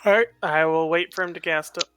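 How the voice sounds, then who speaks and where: A man's voice: on the high side, fairly even intonation, fairly quick, sharp tone, soft background music. A man playing in a tabletop game, talking casually in a blunt, profane way. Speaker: player.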